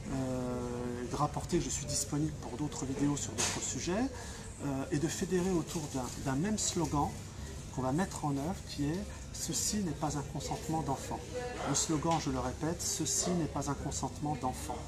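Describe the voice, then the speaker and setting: A man's voice: fairly high pitch, normal speed. Impassioned man giving an interview. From France, Franche-Comté. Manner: impassioned, emphatic, with frequent restarts and repetitions. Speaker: activist being interviewed. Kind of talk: interview answers.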